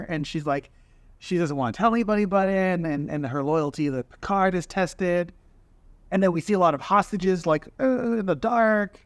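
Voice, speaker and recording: A man co-hosting a casual review podcast, talking in an excitable, rambling way with many restarts. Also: high-pitched, dry recording. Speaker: podcast co-host. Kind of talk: casual chat.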